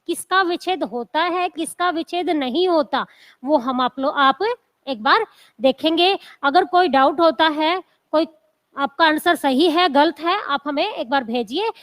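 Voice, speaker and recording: A woman teacher giving an exam coaching lecture, spelling out word parts slowly and asking the class repeated questions. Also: high voice. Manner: slow, drawn-out syllable-by-syllable teaching with repeated questions.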